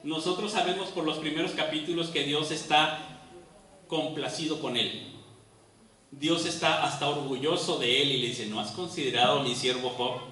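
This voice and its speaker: Male preacher, raised voice, dramatic delivery, booming hall reverb, mic set back. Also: normal speed. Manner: dramatic, swings from loud emphasis to low quiet reading. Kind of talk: expository sermon. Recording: echoey hall, voice from far off.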